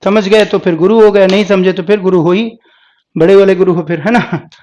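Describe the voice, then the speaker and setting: High-voiced man teaching a live class. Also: fairly even intonation, brisk, darkish tone, muffled recording. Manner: explains step by step, keeps asking the class questions. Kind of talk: live exam-prep lecture.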